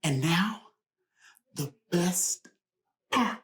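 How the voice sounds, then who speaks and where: A woman playing an eager storyteller pitching her tale with a theatrical delivery. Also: lively intonation, very slow, fairly bright tone, exaggerated voice. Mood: grand. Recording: very echoey, from far off.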